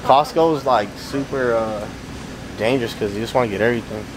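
A young fitness vlogger films casually while shopping in a big warehouse store, cracking jokes and using slang. His medium-pitched voice moves fairly quickly over noisy store ambience and a crowd in the background.

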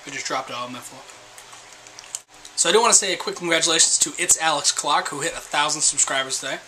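Young male vlogger, bright, cutting tone, a bit high, rambling and self-mocking, webcam-close in a small room. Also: fast talker, slight background noise, rough recording. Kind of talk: casual chat to camera.

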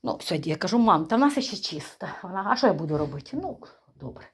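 Lively woman chatting at home. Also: fairly low pitch, quick pace, slightly rough. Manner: lively, teasing, talks to the dog in baby talk. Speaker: vlogger. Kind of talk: casual home vlog chat.

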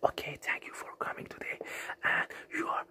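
A breathy, unvoiced whisper from a young man doing fast, aggressive ASMR. He plays a makeup artist in a whispered role-play, repeating words in quick, insistent bursts. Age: young adult. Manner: rapid, insistent, repetitive whispering.

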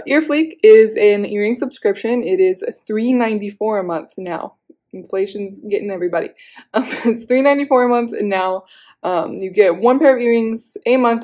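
A woman vlogging in a casual, rambling way, a little hoarse as she is losing her voice, with self-deprecating asides and many fillers. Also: mid-range voice, a little mellow. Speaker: beauty vlogger. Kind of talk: casual chat to camera.

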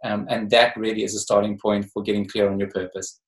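A man speaking as a coach and interview guest, reflective and unhurried, often pausing with ums and restarting phrases. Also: fairly low pitch, flat delivery. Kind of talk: casual interview talk. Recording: echoey room.

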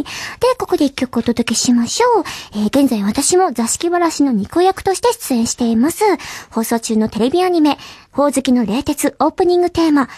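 A woman's voice: high voice, darkish tone, no echo, clean studio sound. A young woman hosting a radio show, chatting casually and reading listener mail in a bubbly, giggly way. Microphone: studio mic.

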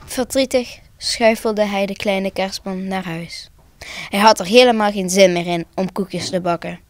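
A woman's voice: medium pitch, measured pace, no echo. Woman reading a Christmas story, dry sound. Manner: calm, expressive storybook narration. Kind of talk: children's story reading for broadcast.

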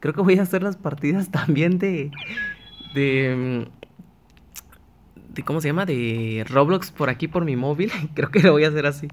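A man's voice: on the high side, unhurried, slight background noise. A man giving casual gameplay commentary, chatting to himself and his viewers as he plays, often restarting his sentences. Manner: chatty, talks to himself while playing, frequent restarts. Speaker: gaming YouTuber.

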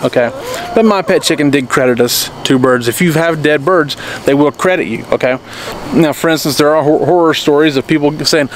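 His voice runs on the high side, with a little hiss or hum in the recording. He's a homesteading vlogger in his thirties, chatting to a handheld camera at arm's length in his backyard, rambling through a casual explainer, restarting often and checking in with "okay?"

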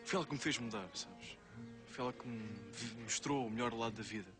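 An actor plays a young man in a soap drama, sincere and confessional. He has a European Portuguese accent and a mid-range pitch. He talks quickly, with music behind him. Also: close to an everyday voice. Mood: earnest, remorseful. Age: young adult. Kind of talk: television soap drama acting.

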